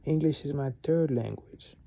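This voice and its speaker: A young Gabonese vlogger, a native French speaker, gives a casual motivational talk to camera, rambling with lots of fillers and restarts and getting animated on key points. His voice is fairly high, at a moderate pace, with vocal fry and no echo.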